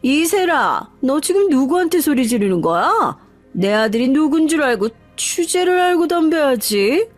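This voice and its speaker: Brief: woman voicing a haughty, mocking sister-in-law for an audio story, high and piercing. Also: expressive, moderate pace. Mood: furious. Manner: shrill, mocking, dismissive. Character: brash, rude younger sister-in-law, a doctor. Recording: faint background music.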